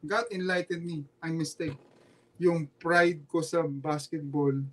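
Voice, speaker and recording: A middle-aged Filipino man, a former basketball player, talking in an earnest, halting way in a casual interview, often repeating himself. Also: a little high, fairly even intonation, fairly bright tone. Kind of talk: casual podcast interview, personal testimony.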